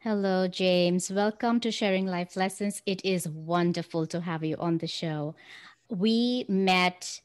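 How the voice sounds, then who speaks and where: A woman with a lowish voice hosts a reflective podcast, introducing her guest in a careful, measured way. She slows her pace to stress key phrases. Her voice sits dry and close to the mic. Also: clean tone, no room sound. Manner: measured, deliberate delivery with slowed emphasis. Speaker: podcast host. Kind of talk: scripted podcast introduction and interview. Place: currently in India.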